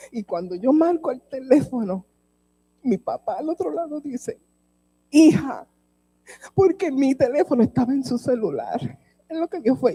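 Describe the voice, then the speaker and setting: A woman's voice: on the high side, mellow, breathy edge, poor audio. A woman preacher telling a personal testimony in a sermon, speaking with emotion and addressing the congregation directly.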